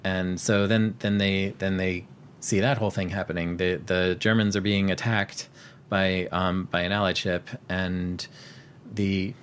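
A deep-voiced man talks through a movie's plot in a relaxed, meandering way, filling pauses with ums and restarting his sentences. A faint rumble sits under the recording. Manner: rambling with frequent fillers and restarts. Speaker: podcast co-host. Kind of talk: casual film recap chat.

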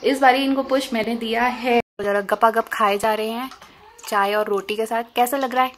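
Mixing Hindi with English, this travel vlogger keeps up a candid, teasing chat on her road trip. She speaks at a moderate pace in a steady, fairly high-pitched voice, with noisy outdoor sound around her.

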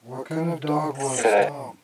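A man investigating the paranormal at night, putting short, plain questions to spirits with pauses between them. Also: a little high, animated, vocal fry, a crowd in the background. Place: outdoors at night in a ruin. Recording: noisy outdoor night recording. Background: animal noises, dogs barking in the distance.

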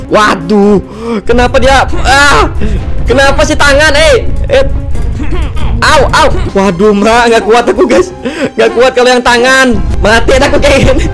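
A man giving excitable let's-play commentary as a gaming channel host, yelping and shouting at the game as he plays. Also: high voice. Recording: game music playing behind.

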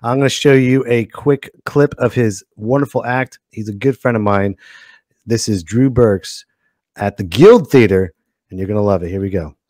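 In his thirties, this comedy show host works from a dry indoor home studio, exclaiming and animated as he runs a casual monologue and interview into a close headset podcast mic. He speaks at a moderate pace in a voice on the low side, with no room sound.

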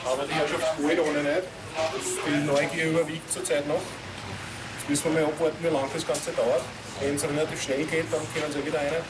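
A man with a Viennese accent, a rescue officer calmly briefing a colleague. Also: on the high side, moderate pace, a loud crowd. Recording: distant voice, loud ambient noise.

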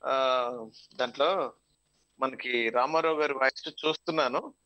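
A man's voice: mid-range voice, a little slow, sharp tone, highs cut off. A male mimicry artist chatting as a guest in a casual interview, telling stories about himself.

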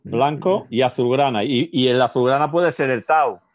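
A man from Galicia making quick guesses and swearing casually in a video-call chat. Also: medium pitch, no echo. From Galicia, Spain. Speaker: co-host. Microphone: video call with earphones.

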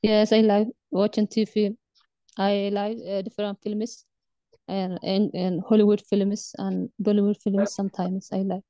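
A woman from Somalia answers test questions in short, halting sentences, her voice flat and mellow. The sound is dry and slightly dull. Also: mid-range voice, no echo. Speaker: test candidate. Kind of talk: mock exam answers.

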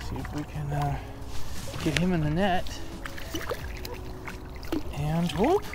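An American fishing vlogger in his thirties gives upbeat, chatty running commentary outdoors beside a small lake. His slightly high voice moves slowly, with music playing in the background.

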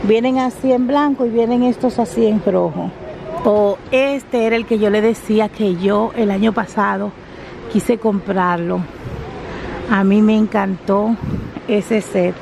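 A woman's voice: medium pitch, steady tone, a little slow, gravelly. A middle-aged woman vlogging for her family channel, telling stories to the camera in a chatty way and acting out what people said, recorded on a phone. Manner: chatty storyteller, laughs often, acts out quoted lines. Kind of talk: casual chat to camera. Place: in a car and around stores. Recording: traffic and car noise behind.

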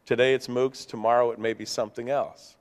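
A man's voice: medium pitch, level tone, fairly quick. A man moderating a panel discussion, putting questions with dry joking asides.

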